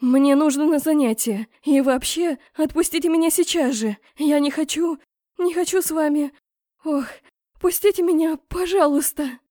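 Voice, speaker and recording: A woman voicing a flustered young woman student who pleads in high, shrill outbursts. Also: fairly even intonation, drawn-out words, long pauses, dark tone, no room sound, studio quality, heavily acted. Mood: pleading, panicky.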